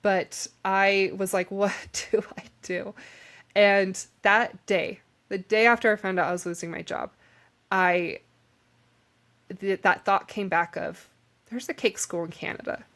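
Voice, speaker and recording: A woman's voice: medium pitch, steady tone, measured pace, a bit bright. A young woman hosting a podcast, candidly telling a personal story in a rambling, emotional way. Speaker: podcast host.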